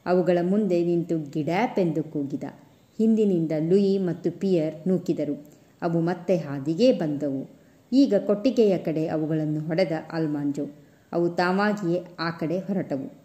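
Low, mellow-voiced woman reading a story. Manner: steady storytelling read, short pauses between phrases. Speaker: storybook narrator. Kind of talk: reading a children's novel aloud.

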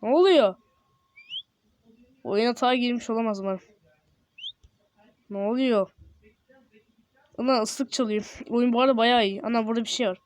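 A young man with a sore throat giving casual, excitable commentary while playing a game, yelping and exclaiming when startled. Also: very high voice, brisk, long pauses, smooth. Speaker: gameplay video host.

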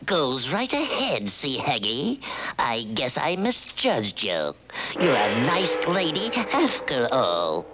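A man voicing a gruff, good-hearted sailor in a vintage cartoon, with a gravelly mutter. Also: medium pitch, wildly swooping pitch, slow pace, heavy background noise, heavily acted. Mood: plucky.

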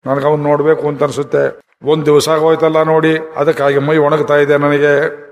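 A man voicing a young princess pining for her beloved, in a rushed, pleading, lovesick way, in a reverberant hall. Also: a little high, level tone, lo-fi sound, close to an everyday voice.

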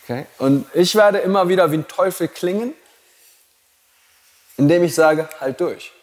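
A man's voice: high voice, moderate pace, darkish tone. A man teaching yoga teacher trainees in a blunt, provocative way and laughing at his own jokes. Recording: long hall reverb.

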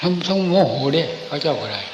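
An older man, a senior monk with an Isan northeastern Thai accent, telling stories from memory in an informal, animated old-man way and acting out the dialogue. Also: on the high side, quick pace, highs cut off. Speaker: senior Buddhist monk reminiscing. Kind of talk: informal storytelling, reminiscing. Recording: echoey hall with clear background noise.

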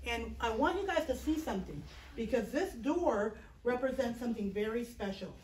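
A woman with a high voice tells a Bible story to children, acting it out with big energy and checking in with the kids as she goes. She is middle-aged. The sound comes from a far camera in a small classroom, roomy and echoey, with a faint hiss underneath. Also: moderate pace. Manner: lively, acts out the story with gestures, checks in with "okay?". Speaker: children's chapel teacher. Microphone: far camera, no visible mic. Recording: roomy echo, distant camera.

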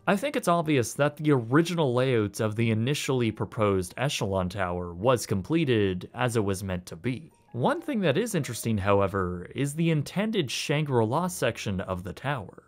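A man narrates a scripted documentary voice-over at a middle pitch, steady and informative. Now and then he slips in a dry, sardonic aside. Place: voice-over, recorded separately from footage.

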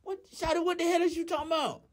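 Man playing a high-pitched, fast-rambling fool; profane, slangy and full of filler. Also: flat delivery. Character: dim-witted, loudmouthed Southern man. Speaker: comedy radio character. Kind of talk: comic monologue.

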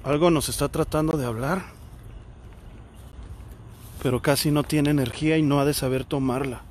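A Mexican man on a ghost-hunting vlog, talking in a hushed, jumpy way and calling out to spirits in a cemetery at night. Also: a little high, fairly even intonation, normal speed, slight background noise. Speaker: paranormal investigator vlogger.

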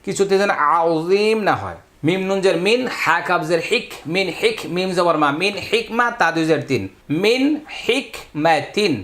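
A man teaching Quran reading, spelling out syllables one by one and then drawing whole words out slowly. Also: sits high, lively intonation, fairly bright tone. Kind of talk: slow letter-by-letter spelling lesson.

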